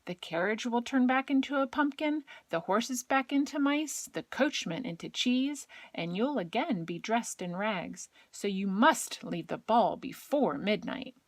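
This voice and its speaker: A woman voicing a kindly, brisk fairy penguin godmother, reassuring and instructing, as if reading a storybook to a toddler. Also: fairly high pitch, lively intonation, dry recording. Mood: cautioning. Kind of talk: children's storybook read aloud to a small child.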